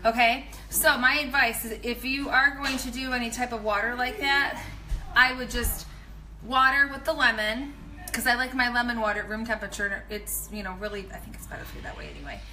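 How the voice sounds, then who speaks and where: Poor audio with slight background noise captures a pregnant nutrition coach in her thirties talking briskly in a slightly high voice. She rambles chattily through meal prep tips in her kitchen, with animated asides, on a casual live video from an arm's-length phone.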